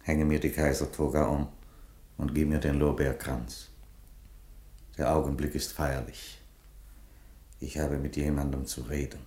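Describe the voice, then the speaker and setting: In a theatrical radio drama, a man with a very deep, mellow voice plays a solemn, defiant, fatherly Roman emperor, declaiming at a measured pace with frequent pauses. His tone stays level and his mood calm and solemn, yet his delivery ranges from whispers to thunder. The room is echoey.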